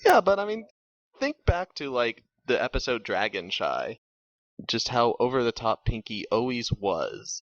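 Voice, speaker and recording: A man's voice: medium pitch, big pitch swings, unhurried, a bit bright, no room sound. A man co-hosting a casual review discussion, explaining his views earnestly. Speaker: podcast co-host. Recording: dull dry lo-fi mic.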